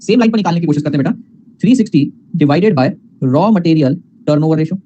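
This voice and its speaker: A man's voice: a little high, lively intonation, a little fast, mellow, muffled recording, a little hiss or hum. A man teaching accounting in a class lecture, mixing in English terms, calling students "beta" and asking questions he answers himself.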